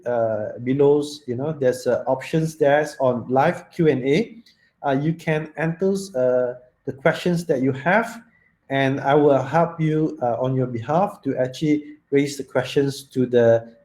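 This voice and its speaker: A man chairing an online conference session, giving halting welcome remarks with non-native phrasing. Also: medium pitch, mellow.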